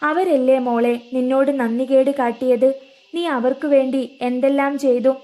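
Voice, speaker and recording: ഒരു വൃദ്ധനായ വല്യപ്പച്ചനായി സൗമ്യമായി സംസാരിക്കുന്ന ഒരു സ്ത്രീ, കഥ വായിക്കുന്നത്. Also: female voice, sits high, fairly even intonation, moderate pace, close to an everyday voice. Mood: tender. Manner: gentle, coaxing. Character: older man, grieving elderly grandfather figure.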